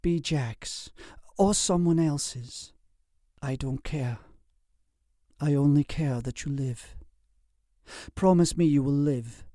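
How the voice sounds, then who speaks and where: A man's voice: fairly high pitch, takes it slowly, long pauses, mellow, no room sound, clean studio sound. A man reading the part of a grave medieval lord saying farewell, solemn and pleading. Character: grave, loving medieval lord parting forever.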